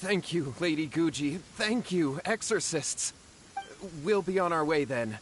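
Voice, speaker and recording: Casting: earnest younger game villager, lightly raised pitch, deferential and anxious in temper. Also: male voice, lively intonation, unhurried, slight background noise. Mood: humbly grateful. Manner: deferential, apologetic. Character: earnest, humble, worried young man, protective brother. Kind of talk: video game voice acting.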